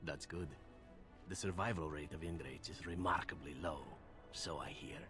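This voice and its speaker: A man's voice: very deep voice, moderate pace, music in the background. An actor playing a stern, imposing male warrior companion in a fantasy game, speaking in a dry, coldly menacing way.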